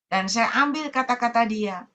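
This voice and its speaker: A woman evangelist, preaching a sermon and telling a congregant's story in an animated way. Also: on the high side, normal speed, faint music behind. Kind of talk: sermon with testimony. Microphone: online prayer meeting broadcast.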